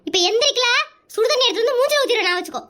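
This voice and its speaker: Cartoon comedy: performer as a frazzled, nagging mother, very high and fast, all threats and scolding. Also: lively intonation, bright, forceful tone, full character voice. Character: scolding frazzled young mother, shrill temper. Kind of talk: Tamil cartoon comedy dub.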